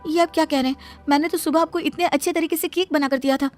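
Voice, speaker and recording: A woman voicing a gentle young wife who earnestly defends herself in a cartoon story. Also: high-pitched, fairly even intonation, fast talker, soft background music. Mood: upset.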